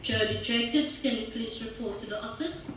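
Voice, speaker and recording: Woman, school intercom announcement, polite office tone, booming echo, heard from far off. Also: normal speed, noisy background. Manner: polite, formal. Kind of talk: public address announcement.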